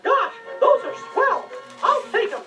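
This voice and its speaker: A man voicing an innocent, cheerful cartoon mouse in a squeaky falsetto, bashful and polite, for a storybook read-along. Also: big pitch swings, unhurried, distant mic, over music, heavily acted. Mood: friendly, curious. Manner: bashful, hesitant, gee-whiz politeness.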